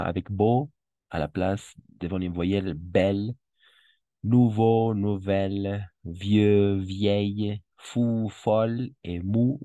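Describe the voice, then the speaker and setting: In this classroom lesson, a man whose voice sits on the low side, warm in tone, patiently teaches French. He goes slowly and says every word again for the students to practice. There's no room sound on the recording.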